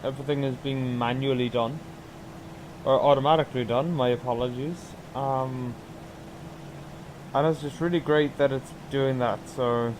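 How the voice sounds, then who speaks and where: Male flight-sim commentator, casual and enthusiastic, medium pitch, clear background noise. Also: fairly even intonation, moderate pace. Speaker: flight simulator streamer.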